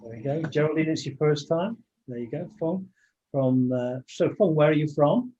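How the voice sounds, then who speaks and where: This meeting host from England speaks at a normal pace with a fairly high pitch and dark tone. He chats casually to greet people as they join, often restarting sentences, over muffled video call audio with a little hiss or hum.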